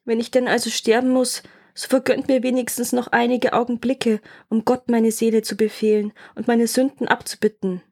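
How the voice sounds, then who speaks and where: A woman's voice: high-pitched, normal speed, pitched above the performer's own voice. A woman voicing a frightened young wife who pleads for her life and keeps calling out to her sister, in a fairy-tale reading. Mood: pleading.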